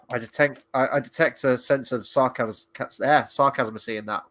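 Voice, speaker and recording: Animated, jokey man. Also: mid-range voice, normal speed. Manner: animated, jokey, slips into mock voices. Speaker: podcast co-host guessing quotes. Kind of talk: casual chat.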